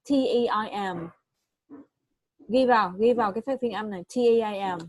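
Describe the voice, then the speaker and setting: A woman's voice: mid-range voice, no room sound. Vietnamese-accented woman teacher, patient drills, dry close sound. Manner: patient, repeats and corrects, models English words slowly. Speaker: English pronunciation teacher. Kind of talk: online pronunciation lesson.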